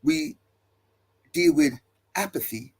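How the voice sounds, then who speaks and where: A man's voice: on the high side, expressive, slow, a little mellow, husky. A male pastor preaching to listeners, building his points with emphatic repeated refrains and rhetorical questions. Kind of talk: preaching talk.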